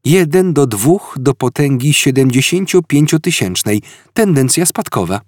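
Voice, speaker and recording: A man doing a calm female ship announcer. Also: mid-range voice, moderate pace, dry recording, clean studio sound, pitched above the performer's own voice, natural voice. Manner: even, soothing announcements.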